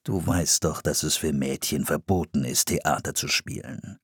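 A man voicing an excitable adult male playwright who talks in an eager, coaxing way. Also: a bass voice, measured pace, husky, dry recording, studio quality, voice pushed down, heavily acted. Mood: regretful. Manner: enthusiastic, coaxing.

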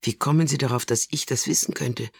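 A man voicing a fragile, anxious middle-aged woman who speaks softly and hesitantly. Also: medium pitch, fairly quick, slightly rough, dry recording, clean studio sound. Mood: subdued. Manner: soft, subdued, hesitant.

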